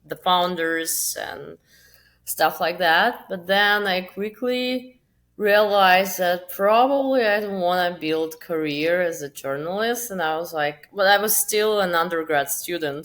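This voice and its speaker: Woman, late 20s-30s, Russian accent, deep for a woman, chatty guest. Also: unhurried, a bit bright. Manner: chatty, many fillers like "like" and "um". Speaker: guest, crypto marketing founder. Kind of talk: casual interview talk.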